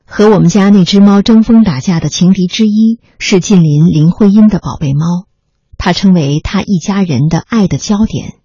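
A narrator calmly reading a memoir aloud, in a measured storytelling manner. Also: mid-range voice, slightly rough, no echo. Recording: slightly muffled recording with faint music.

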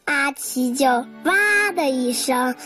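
A woman reads a children's story in a high, gentle voice. She takes her time and tells it expressively. Children's music plays softly behind her. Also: expressive, slow.

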